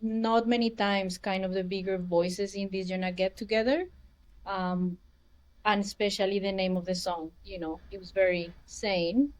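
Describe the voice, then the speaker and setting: A woman's voice: mid-range voice, steady tone, measured pace. A woman from Colombia, a podcast guest explaining things thoughtfully in casual chat. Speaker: guest, documentary filmmaker.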